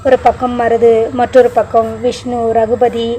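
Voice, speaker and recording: A woman storyteller reading a serialized family story aloud in steady narration. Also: fairly high pitch, normal speed, slight background noise, low-quality recording.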